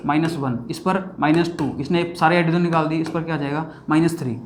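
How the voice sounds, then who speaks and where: Male chemistry teacher, chatty lecture, fairly high pitch, asks and answers own questions, light room noise. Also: fairly even intonation, fast. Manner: conversational, asks and answers his own questions, says 'bhaiya' and 'theek hai' often. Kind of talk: whiteboard lecture.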